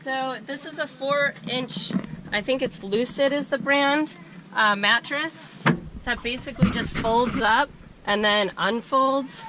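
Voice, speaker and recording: Woman vlogging in a van, raspy smoker voice from a cold, informal and chatty, noisy camera audio. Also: sits high, takes it slowly. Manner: informal, chatty, self-deprecating asides. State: congested with a cold. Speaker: vlogger giving a van tour. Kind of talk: casual explanatory vlog chat. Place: inside a small camper van, doors open. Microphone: camera mic within a few feet.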